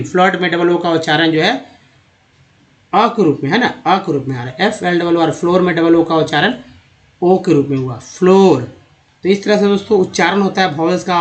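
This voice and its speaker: A man teaching English pronunciation in a slow, explanatory way, spelling out words letter by letter. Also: high-pitched. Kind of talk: Hindi-language spoken lesson.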